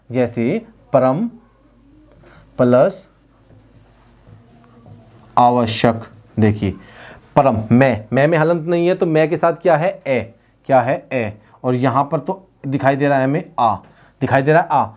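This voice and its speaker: In an exam-prep lecture on Hindi grammar, a man with a fairly high, darkish voice poses rhetorical questions and answers them himself. He also repeats key words slowly.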